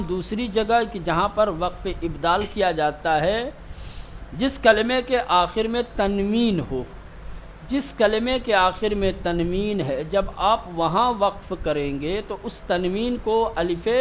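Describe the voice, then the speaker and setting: A man teaching tajweed in a classroom, asking his students questions and answering them himself, slowing down to repeat key terms. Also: high voice, fairly bright tone, a little hiss or hum. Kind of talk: classroom lecture.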